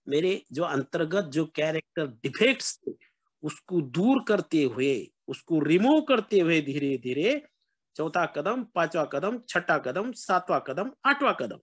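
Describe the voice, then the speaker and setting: A middle-aged man with a noticeably high voice. He speaks earnestly to a support meeting, often turning to his listeners as friends. He drops in English words as he goes. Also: fairly bright tone. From Maharashtra, India. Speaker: recovering member sharing at a meeting. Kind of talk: personal recovery sharing at an online meeting.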